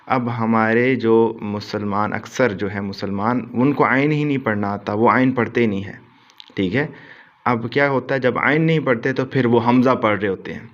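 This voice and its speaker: Man teaching Quran pronunciation, dull lo-fi sound. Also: mid-range voice. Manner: patient, repeats words slowly to drill the difference. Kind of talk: explanatory Urdu lesson on Quran pronunciation.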